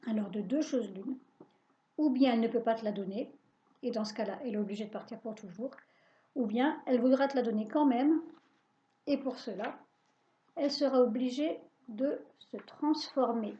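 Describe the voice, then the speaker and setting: A woman voicing a calm, wise shopkeeper man who gives patient instructions in a hushed voice, on a dull lo-fi recording. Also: fairly high pitch, normal speed, lightly acted. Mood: instructing.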